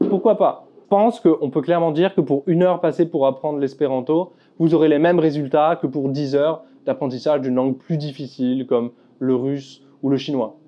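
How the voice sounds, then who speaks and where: A relaxed man with a fairly high voice gives casual ranking commentary as a video host. He sounds candid and easygoing, and the audio is muffled and lo-fi. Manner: laid-back and candid, frank asides. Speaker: language YouTuber. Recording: dull lo-fi sound.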